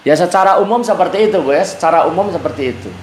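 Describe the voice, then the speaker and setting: A man's voice: high voice, quick pace, noisy background. A male Islamic teacher explaining Quran verses to a women's study group, patiently repeating key phrases and chanting Arabic verses. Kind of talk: Quran exegesis class. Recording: echoey room.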